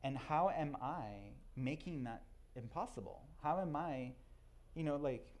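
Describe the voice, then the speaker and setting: A young man from Israel with Hebrew as his first language, giving a conversational, self-deprecating talk to a live audience with halting restarts. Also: fairly high pitch, animated, a little mellow. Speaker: speaker.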